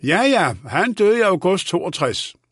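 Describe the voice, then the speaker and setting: A man's voice: high-pitched, sing-song, a bit bright, breathy edge, no echo, clean studio sound, pitched above the performer's own voice, heavily acted. A man voicing a fussy senile old lawyer. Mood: querulous. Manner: querulous, scolding, raised voice. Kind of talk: audiobook character voice.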